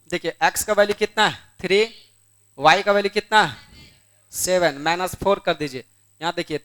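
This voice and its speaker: A male math teacher scolds students in the room while teaching a board exam lesson, coaxing them by posing questions and answering them himself. His voice sits high and is smooth, with a fairly bright tone.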